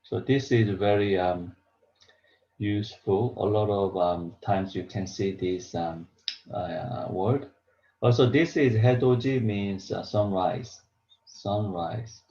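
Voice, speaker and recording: A man teaches a beginner pronunciation lesson in halting, repetitive, simple English. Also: on the low side, warm tone. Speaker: Korean language teacher. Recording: roomy echo, dull lo-fi sound.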